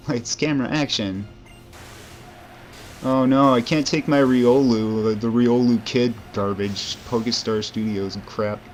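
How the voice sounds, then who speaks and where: A man's voice: medium pitch, steady tone, measured pace, faint music behind. A young man giving casual, rambling commentary over a video game, with frequent fillers and self-deprecating asides. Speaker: let's play commentator.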